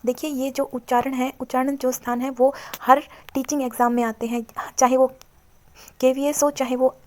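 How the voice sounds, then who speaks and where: A woman teacher walks viewers through an exam-prep grammar lesson in a fairly high voice. Her pitch barely moves, keeping a flat, even line as she repeats points and tells viewers to look at the chart. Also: moderate pace. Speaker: Sanskrit teacher.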